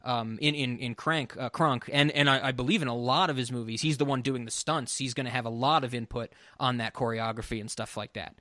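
A man's voice: medium pitch, fairly even intonation, fairly quick, few pauses, pushed and bright, dry recording, clean studio sound. A man co-hosting a podcast, talking in a loose, rambling way with many restarts. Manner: laughs often. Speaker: podcast co-host. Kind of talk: casual chat.

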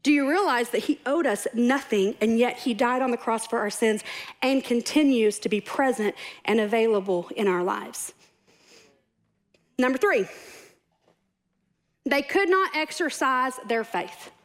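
A woman preaching a sermon, animated and humorous, acting out quoted voices. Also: fairly high pitch, a little slow, long pauses.

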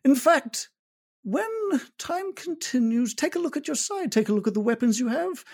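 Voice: high-pitched, lively intonation, moderate pace, creaky, a little mellow, pitched above the performer's own voice, heavily acted. A game master voicing a mysterious male cat-folk wanderer who makes grand, theatrical pronouncements in a tabletop game. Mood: grandiose. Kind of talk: tabletop game role-play.

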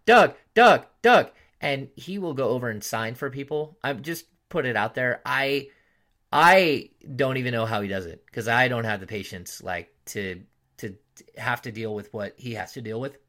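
A man hosting a sports podcast, chatting casually and telling stories with animated, loud quoted voices. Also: medium pitch. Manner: animated storytelling, loud voices when quoting fans. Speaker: podcast host, team insider.

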